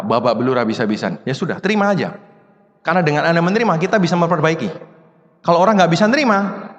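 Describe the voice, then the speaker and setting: A man's voice: sits high, fairly bright tone. A man giving a motivational seminar talk to an audience, in a casual, chatty way full of rhetorical questions. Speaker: motivational speaker. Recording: long hall reverb.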